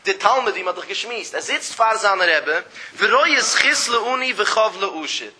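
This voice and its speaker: High, sharp-voiced man teaching. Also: lively intonation, moderate pace, slight background noise. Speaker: religious teacher. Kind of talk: traditional religious text lecture.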